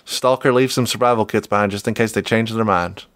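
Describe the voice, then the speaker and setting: Low-voiced man on a laid-back podcast. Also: a little fast, dry recording. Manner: relaxed, laughs often, acts out panel dialogue. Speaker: podcast co-host. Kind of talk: casual comic-book podcast chat with read-alouds.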